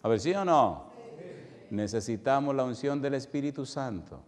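Fiery preacher in a reverberant hall. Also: male voice, mid-range voice, moderate pace. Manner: animated, rhetorical questions to the congregation; storytelling with sudden swings from loud to hushed. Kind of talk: sermon.

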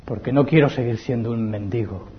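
A man with a Spanish accent preaching a sermon, addressing the congregation as brothers, swinging between hushed pleading and raised fervent exhortation. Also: medium pitch, a little fast, a little hiss or hum. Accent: Spain Spanish. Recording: dull lo-fi recording.

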